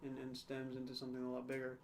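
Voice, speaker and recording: Over a loud crowd, a young man co-hosting a podcast races along in a monotone, mid-range voice. In this casual discussion he's thoughtful and hedging, regularly adding "right?" and "you know."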